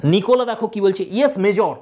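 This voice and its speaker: A woman tutor explaining a play line by line, reading each English line slowly and then explaining it. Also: mid-range voice, a little mellow.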